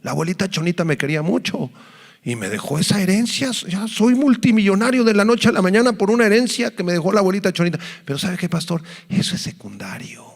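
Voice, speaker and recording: An excited, newly rich churchgoer man rushes his words and trips over them, pitched up high, as a preacher acts him out. His gravelly edge carries through a long, ringing hall reverb. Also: exaggerated voice. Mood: eager. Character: wealthy male churchgoer, eager to serve.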